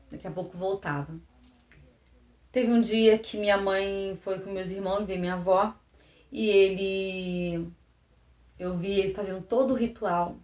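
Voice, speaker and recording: A woman with a Brazilian Portuguese accent giving a personal testimony to camera, halting and repeating phrases, often dropping to a soft low voice. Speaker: vlogger. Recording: roomy echo.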